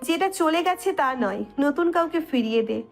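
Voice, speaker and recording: A woman's voice: high voice, lively intonation, moderate pace, creaky, soft background music. An actress playing a frank young woman friend who teases and gives blunt advice in an audio drama. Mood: advising. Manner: blunt, teasing. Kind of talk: Bengali audio drama acting.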